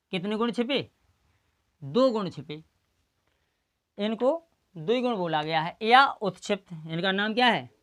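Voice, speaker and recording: A woman teaching Hindi pronunciation in a classroom style. She asks her own questions, answers them, and spells out the letter sounds one by one. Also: mid-range voice. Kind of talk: slow classroom-style lesson.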